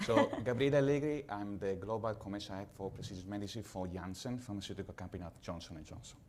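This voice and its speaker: An Italian pharma executive with an Italian accent speaks on a conference panel in measured, slightly halting English. His voice sits on the low side with a darkish tone, and the recording has a little hiss or hum.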